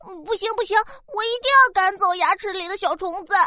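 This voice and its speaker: A squeaky little girl bunny. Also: brisk, no room sound, clean studio sound. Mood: determined. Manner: childlike, whiny, excitable outbursts. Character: little girl rabbit, curious, easily scared, dramatic. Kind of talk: children's storybook acting.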